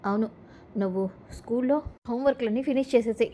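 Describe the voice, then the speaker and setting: A woman's voice: fairly high pitch, fast talker, slight background noise, natural voice. A woman reading the lines of a young husband and father in a Telugu serial recap, speaking sharply. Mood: coaxing. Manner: sharp scolding toward his mother.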